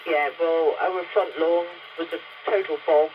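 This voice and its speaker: Over a dull, very noisy CB radio link, a woman operator chats in plain, colloquial terms. Her voice is low-pitched and steady, and she speaks at a measured pace, keeping it casual radio talk.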